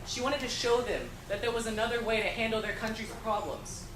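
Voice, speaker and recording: A woman's voice: fairly high pitch, fairly quick, fairly bright tone. A woman reading scripted historical narration. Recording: echoey, distant, clear background noise.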